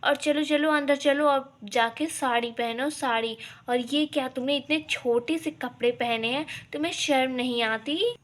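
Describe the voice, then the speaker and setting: A woman putting on a grumbling older village mother-in-law who scolds, nags and chuckles slyly. The voice sits high and bright, and the talk moves slowly. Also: fairly even intonation, exaggerated voice. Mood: scolding. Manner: nagging, complaining, sly chuckles. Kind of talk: toy doll play-acting.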